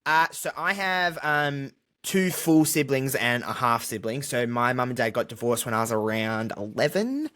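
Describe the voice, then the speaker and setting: This is a casual podcast interview where an Australian-accented guest speaks frankly and jokes at his own expense. His medium-pitched voice is animated, pushed and bright, delivered at a moderate pace.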